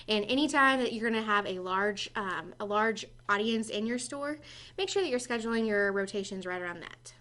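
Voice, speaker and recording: A woman's voice: mid-range voice, moderate pace, fairly bright tone. A woman co-hosting a casual business podcast, explaining in a confident, instructive way. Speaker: podcast co-host, marketing staff.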